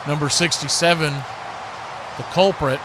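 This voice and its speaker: This play-by-play commentator's fairly high voice stays fairly even and runs a little slow as he calls a live American football game. His phrases are short and clipped, rising in volume on big plays, over the background noise of a live stream.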